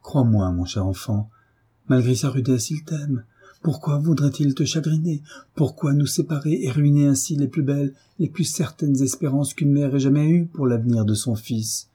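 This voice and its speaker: A man reading an audiobook voices an anxious young mother pleading with her son, in a lifted, husky tone. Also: medium pitch, normal speed, warm tone, voice pushed up, close to an everyday voice. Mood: tender pleading. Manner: pleading, alarmed.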